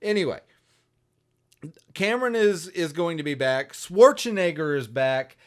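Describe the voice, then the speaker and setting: A man co-hosting a podcast in casual chat, jokey, with quick bursts of enthusiasm. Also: on the high side, expressive. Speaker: podcast co-host and voice actor.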